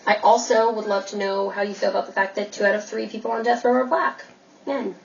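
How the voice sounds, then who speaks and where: A woman's voice: medium pitch, fairly even intonation, fairly quick, gravelly, a little hiss or hum, close to an everyday voice. An actress playing an earnest, self-absorbed young woman writer who rambles and hedges as she talks. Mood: lecturing. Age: young adult. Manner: rambling, hedging with "like" and "kind of". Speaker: aspiring writer girlfriend. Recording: distant, dull TV soundtrack.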